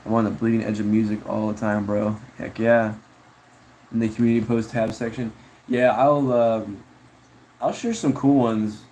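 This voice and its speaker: A man's voice: on the low side, level tone, moderate pace, dark tone, a little hiss or hum, poor audio. A man chatting casually on a livestream, rambling laid-back about viewer comments and calling people bro and dude. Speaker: streamer.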